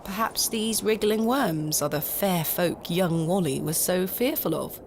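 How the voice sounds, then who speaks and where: A woman's voice: lowish voice, measured pace, a little hiss or hum. A woman voicing a wry, independent, curious lady antiquarian in a video game, articulate and self-possessed. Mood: curious, musing. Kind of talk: video game protagonist monologue.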